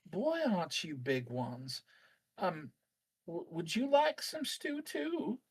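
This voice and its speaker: A man's voice: a little high, huge pitch swings, takes it slowly, breathy edge, voice pushed up, full character voice. A man voicing a kindly, motherly female innkeeper with a folksy, chatty manner in a tabletop game. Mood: friendly, pitying.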